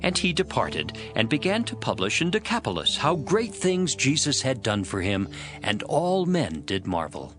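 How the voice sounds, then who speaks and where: A man tells scripture as a dramatized story, narrating in a dramatic storytelling style. His voice is medium-pitched, swooping wildly, at a moderate pace. Loud music plays behind him.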